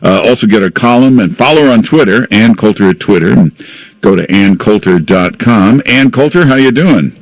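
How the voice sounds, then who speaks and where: A man hosting a radio talk show, introducing his guest and asking questions in a brisk, plain-spoken way. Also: on the low side, expressive, no echo. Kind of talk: radio interview.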